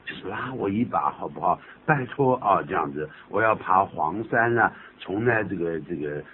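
A low-pitched man teaches English phrases on a radio show, his voice swinging up and down as he jokes through examples. The sound is thin and phone-like, with a faint hiss underneath. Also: normal speed. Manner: jokey, animated, laughs at his own examples. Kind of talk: radio English lesson, chatty explaining.

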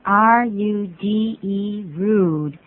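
Woman reading English lines on radio. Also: medium pitch. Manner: slow, careful English demonstrations. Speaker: co-host reading English dialogue. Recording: tinny phone-like radio audio with faint hiss.

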